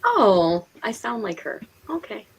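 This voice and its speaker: Her voice is on the high side with big pitch swings and a breathy edge, and she talks a little slowly, though the audio is poor. She's a woman from Pennsylvania and New York, United States, whose Northeastern American accent carries through the casual, giggly, talkative chat of her live stream.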